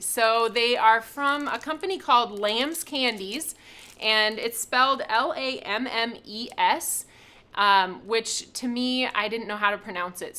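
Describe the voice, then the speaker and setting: A woman's voice: fairly high pitch, sharp tone. A woman hosting a live craft product reveal, chatty and upbeat, laughing often as she shows items. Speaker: craft shop host.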